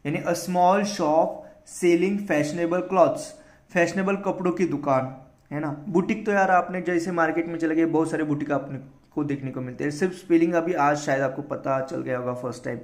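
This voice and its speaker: A man's voice: fairly high pitch, brisk, roomy sound. An Indian man teaching English vocabulary in a casual spoken lesson, spelling words out letter by letter and explaining them in Hindi. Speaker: vocabulary teacher for exam prep.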